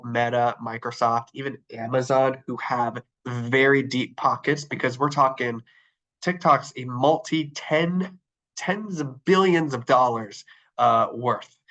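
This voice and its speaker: An Arizona man with a mid-range, fairly bright voice sounds nasal and congested, like he has the flu, on a lo-fi recording. He's leading an online training session, upbeat and full of ums and uhs as he clicks through his screens.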